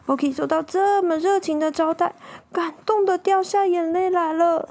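High-voiced woman telling a kids' story. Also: normal speed. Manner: animated, asks listeners to join in. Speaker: children's storyteller. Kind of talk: storytelling to children.

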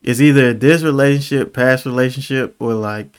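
A man's voice: medium pitch, normal speed, clean tone. A tired man co-hosting a casual podcast, profane, slangy and teasing, his speech slightly slurred by a grill in his teeth. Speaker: podcast co-host.

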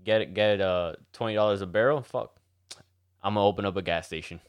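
Man, Miami Cuban accent, casual joking chat, low smooth voice. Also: fast talker. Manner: joking, mixes English and Spanish. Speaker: podcast co-host.

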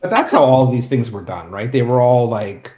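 A man's voice: medium pitch, animated, moderate pace, dark tone. A man in his forties, a guest on a podcast, explaining things in an easygoing, rambling way. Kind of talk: casual chat. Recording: roomy echo.

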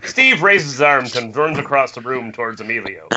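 Recorded over a muffled internet call with faint noise via a remote video-call mic, a man reads screenplay directions for a table read. His medium-pitched voice is sing-song at a moderate pace, and crowd noise can be heard.

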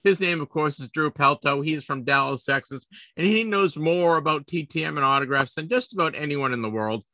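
A man's voice: fairly high pitch, fairly quick, bright, forceful tone, no echo. A man hosting a sports collectibles podcast, chatting casually, rambling and poking fun at himself as he trips over his words. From Boston area, US. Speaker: podcast host.

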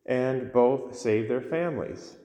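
A male priest delivers scripture and homily with solemn, deliberate phrasing. His voice sits at an average pitch. Long, cathedral-like reverberation trails each phrase in a large church. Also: dark tone. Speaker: priest reading the Gospel and preaching. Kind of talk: liturgical scripture reading and homily.

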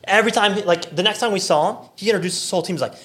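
A man with an American accent, a podcast guest, telling a story in casual, animated chat with lots of fillers and quoted voices. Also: high-pitched, rapid-fire, breathy edge.

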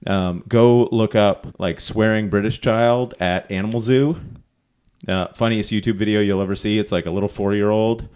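Male podcast host, lowish voice, loose and chatty, quick to laugh. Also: steady tone, a little mellow, clean tone. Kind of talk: casual podcast chat.

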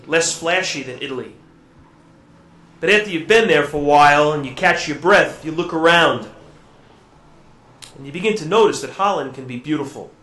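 Priest preaching in cathedral echo. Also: male voice, on the high side. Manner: gentle and reflective, with halting fillers in his own words. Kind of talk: Gospel reading and homily at Mass. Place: church during Mass. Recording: echoey church room.

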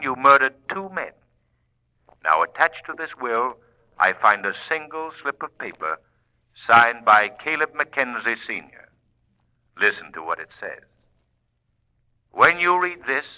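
An actor playing a sardonic, menacing male vigilante in an old-time radio drama, theatrical and deliberate. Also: mid-range voice, bright, forceful tone, exaggerated voice, rough recording. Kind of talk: 1940s radio drama acting.

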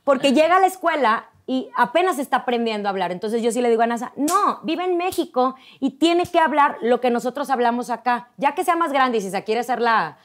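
Woman, 30s, fairly high voice, lively guest storyteller. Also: fairly quick, hardly any pauses. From Monterrey, Mexico. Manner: chatty storyteller, acts out quoted voices. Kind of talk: casual chat.

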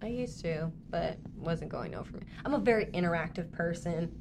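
A woman's voice: lowish voice, moderate pace, gravelly, darkish tone. A woman guest in a casual chat, giggly and chatty. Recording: crowd noise behind.

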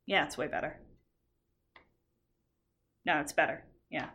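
A woman of about twenty-nine speaks in a lowish, raspy voice full of vocal fry. She chats casually as a podcast co-host, blunt and free with swearing. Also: unhurried, sharp tone. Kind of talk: casual chat.

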